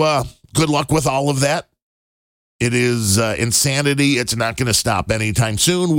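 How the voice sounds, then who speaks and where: A man's voice: medium pitch, no echo, studio quality. A man hosting his own commentary show, reading news items aloud and reacting with exasperated, mocking sarcasm and bursts of laughter. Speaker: podcast host. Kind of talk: opinion commentary. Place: home studio in Illinois.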